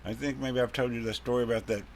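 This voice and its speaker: A man's voice: medium pitch, fairly even intonation, quick pace, a little mellow, a little hiss or hum. A man chatting casually on a video call, telling a story and trailing off.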